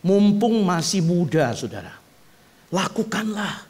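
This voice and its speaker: High-voiced older man preaching in speech. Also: very animated, slow. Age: 70s. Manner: conversational preaching that swells to loud emphatic climaxes; asks the congregation direct questions. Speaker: pastor. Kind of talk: sermon. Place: church building.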